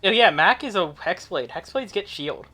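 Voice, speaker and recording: A man running a tabletop game as game master, laid-back and quick to laugh. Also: high-pitched, animated, sharp tone, faint music behind.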